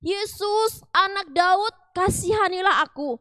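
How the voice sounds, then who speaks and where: A woman voicing a blind male beggar who cries out loudly and desperately for mercy. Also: high-pitched, unhurried, no echo, clean studio sound. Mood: pleading. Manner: loud desperate pleading cries.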